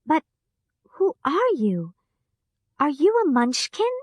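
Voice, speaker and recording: A woman voicing a curious, polite young girl in a storybook reading, with a higher, eager lilt. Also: wildly swooping pitch, takes it slowly, darkish tone, dry recording, heavily acted.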